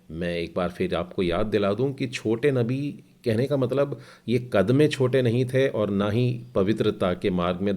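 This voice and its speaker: A man teaching a Hebrew class, spelling out letters and vowel marks one by one in a slow, explanatory way. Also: lowish voice, vocal fry, a little mellow.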